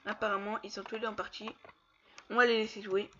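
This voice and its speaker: A man commenting casually on his own online matches, taunting opponents and breaking into excited yells. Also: high voice, lo-fi sound, slight background noise. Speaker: gamer streaming gameplay.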